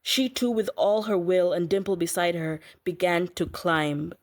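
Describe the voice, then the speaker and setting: Low-voiced woman reading a novel. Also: unhurried. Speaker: audiobook narrator. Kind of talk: scripted narration.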